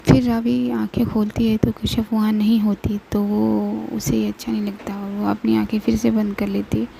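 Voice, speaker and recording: A woman narrating a romance story in a soft-spoken way, often half whispered. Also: mid-range voice, flat delivery, moderate pace, creaky, a little hiss or hum, rough recording.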